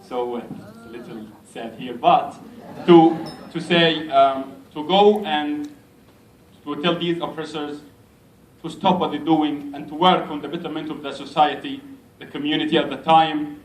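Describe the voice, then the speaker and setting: A man from Egypt, an imam giving an unhurried, gently self-mocking speech to a community gathering in a large hall. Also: on the high side, fairly even intonation, slight background noise. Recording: echoey hall, mic at a distance.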